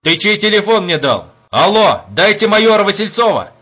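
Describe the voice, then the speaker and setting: A man's voice: medium pitch, moderate pace, bright, forceful tone, breathy edge, lo-fi sound. A man voicing a furious, foul-mouthed army major who barks orders in an audiobook. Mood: angry. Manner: barking, commanding.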